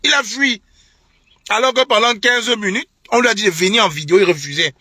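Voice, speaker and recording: Speaking briskly in a high, sharp voice, a young online political commentator from Cameroon delivers a heated live-stream rant. He repeats himself, mocks and scoffs with indignation and contemptuous laughter. It's studio-quality audio without any room sound.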